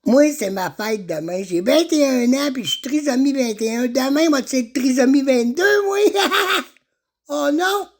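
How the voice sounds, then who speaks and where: A man playing an excitable, giggly young man with a Quebec French accent, proud of his medals. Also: very high voice, unhurried, pitched above the performer's own voice.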